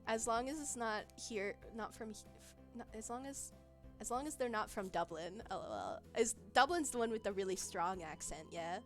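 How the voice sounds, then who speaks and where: Over faint background music, a young female streamer reads chat and talks casually, rambling and giggly, filling gaps with filler words. She sounds a little high-pitched and expressive, speaking at a moderate pace.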